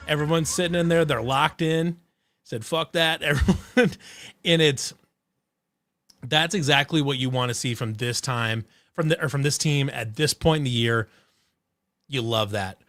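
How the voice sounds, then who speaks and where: A man hosting a casual sports podcast, rambling through restarts and fillers, excitable and swearing freely. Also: medium pitch, moderate pace, no room sound. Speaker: podcast host.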